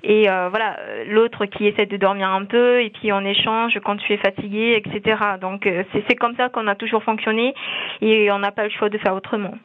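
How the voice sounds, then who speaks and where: A woman's voice: mid-range voice, level tone, moderate pace, no echo. A woman from French Guiana, a farming family's daughter, speaking on the phone during a radio interview, hesitant with many fillers and restarts. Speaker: guest, farmer's daughter. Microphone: telephone. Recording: tinny dry phone line.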